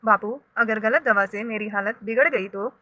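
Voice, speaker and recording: A woman voicing a clever, outspoken young girl in a read-aloud storybook, speaking firmly and loudly. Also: medium pitch, normal speed, no echo, lightly acted.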